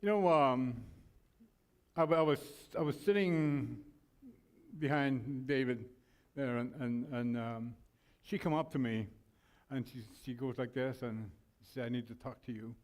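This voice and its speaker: A man's voice: medium pitch, fairly even intonation, a little slow, darkish tone. A man co-hosting a forum, giving closing remarks with a rambling, storytelling manner full of restarts. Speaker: forum co-host.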